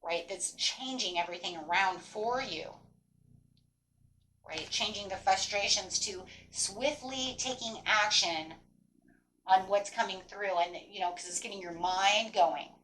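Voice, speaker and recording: A woman's voice: medium pitch, unhurried, a bit bright. Woman giving an encouraging tarot reading, noisy background. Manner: encouraging, affirming; rambling, peppered with "right?" and "you know". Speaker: tarot card reader hosting a reading. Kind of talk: spontaneous fortune-teller style tarot reading addressed to viewers.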